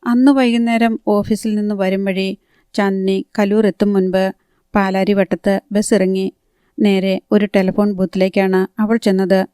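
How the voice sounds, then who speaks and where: Female audiobook narrator; steady, even storytelling, smooth resonant voice, close-miked. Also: mid-range voice, no echo.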